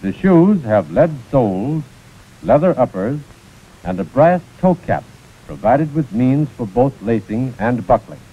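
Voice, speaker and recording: With big pitch swings and a measured pace, a slightly rough mid-range male voice narrates a scripted 1940s instructional film. The American narrator sounds precise and formal over a muffled, scratchy period soundtrack.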